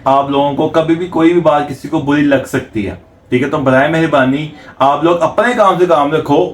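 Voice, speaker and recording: A man's voice: on the high side, moderate pace. A man hosting a family vlog, chatting casually and teasing the others as he prompts them to speak. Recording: roomy home recording.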